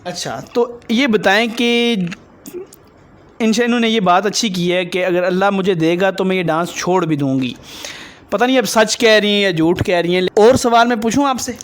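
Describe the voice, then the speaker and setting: A man interviewing a dancer for his video, probing her and lecturing her on religion and morals. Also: high-pitched.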